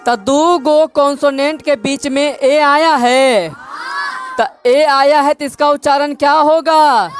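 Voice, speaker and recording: A woman's voice: sits high, background noise. A woman with a Bihari Hindi accent teaching English phonics, drilling students with repeated call-and-response questions. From Bihar, India. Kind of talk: classroom-style lesson.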